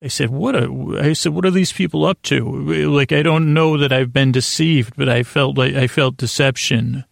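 An American man hosts a sleep podcast, rambling through a halting, meandering monologue full of stammers and constant self-corrections. His medium-pitched voice is gravelly with fairly even intonation, recorded at studio quality with no echo.

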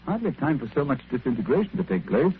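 An actor playing a sharp, sardonic detective who talks in a crisp, dry, cutting way, in 1940s radio acting. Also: male voice, a little high, very animated, fast talker. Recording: tinny old radio broadcast with faint hiss.

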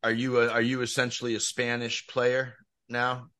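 A man's voice: medium pitch, completely flat delivery, normal speed, sharp tone. A man interviewing a tennis player, asking short, eager questions.

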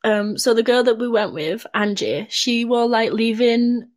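A woman's voice: fairly high pitch, no echo. Woman, dry close sound. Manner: unhurried, hesitant storytelling. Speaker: podcast co-host. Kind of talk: casual chat.

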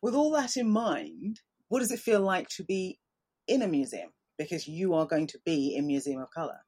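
A woman interviewer asking measured questions in an encouraging way. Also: lowish voice, sing-song, darkish tone, husky.

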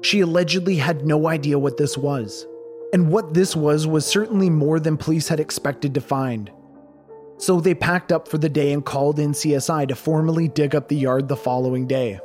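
A man narrating a true crime story in a measured, dramatic scripted style. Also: fairly high pitch, a little mellow, faint music behind.

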